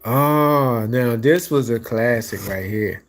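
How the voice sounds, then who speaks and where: Slow-talking stuffy-nosed man. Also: medium pitch, a little hiss or hum. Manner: loose, rambling, frequent restarts and fillers. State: stuffy nose. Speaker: music reaction vlogger. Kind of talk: casual reaction chat.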